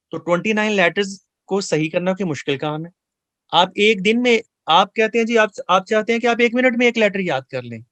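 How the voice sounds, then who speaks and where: A man's voice: on the high side, a bit bright, no room sound. Earnest man teaching Quran pronunciation. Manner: slow drawn-out chanted recitation between explanations; earnest, repetitive coaching, asks and answers his own questions. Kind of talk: recitation lesson, explaining pronunciation in Urdu.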